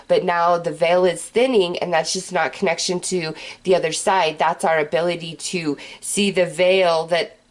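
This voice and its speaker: A woman with a fairly low voice hosts a mystical horoscope reading. She talks casually and directly to the listener, like a tarot reader in conversation, offering reassurance as she goes.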